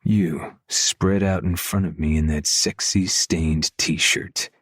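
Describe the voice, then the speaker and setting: A man narrating a romance audiobook in first person, his voice very low and his delivery intimate and measured. He is recorded close to the mic in a dry, dead studio sound. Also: steady tone, a bit bright, slightly rough, no room sound.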